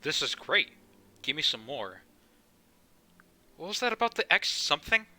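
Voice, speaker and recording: Bright-voiced young man streaming a game. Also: a little high, very animated, normal speed. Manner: rambling, casual, swears. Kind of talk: casual live gameplay commentary.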